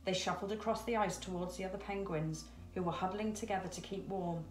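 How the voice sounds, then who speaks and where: Recorded in a small, echoey room at home, a middle-aged woman reads a children's story aloud with lots of expression. Her voice sits at a medium pitch and moves briskly.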